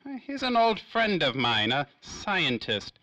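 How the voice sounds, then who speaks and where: With pitch swooping wildly in a voice on the high side, pushed and bright, a man gives a full character voice with no room sound. He plays a noir serial's suave, self-important industrial magnate in a 1930s-style radio drama, smugly evading with drawn-out, theatrical phrasing.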